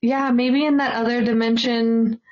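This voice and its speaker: A woman's voice: fairly high pitch, little pitch movement, moderate pace, roomy sound. A woman co-hosting a podcast, chatting casually in a playful way and reacting with laughter. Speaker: podcast co-host. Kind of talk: casual chat. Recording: dull, muffled lo-fi sound.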